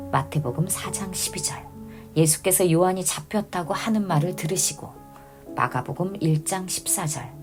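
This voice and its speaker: A woman calmly reading scripture aloud in a measured, steady way. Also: sits low. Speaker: Bible reader.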